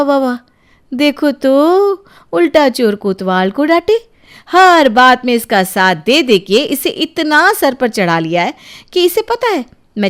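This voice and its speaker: A woman voicing a strict, exasperated mother in a cartoon storybook, scolding in a shrill tone.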